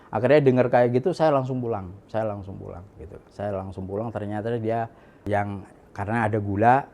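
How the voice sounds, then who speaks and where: A man's voice: on the low side, moderate pace, a little hiss or hum. Chatty middle-aged man telling a story. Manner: chatty, repeats himself, lots of fillers and soft laughs. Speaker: guest sharing his testimony. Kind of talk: casual storytelling.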